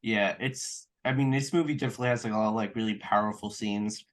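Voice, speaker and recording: A young man with a low voice co-hosts a casual film podcast. He talks in a measured way, pausing on "um" as he builds his point. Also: fairly even intonation. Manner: brief agreeing interjections, then measured with "um" pauses. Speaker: podcast co-host.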